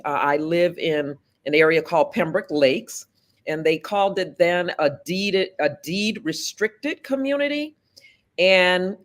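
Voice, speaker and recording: Running for office, this South Florida woman in her fifties answers an interviewer in a lowish voice. She talks earnestly and deliberately, pausing in measured ways between thoughts.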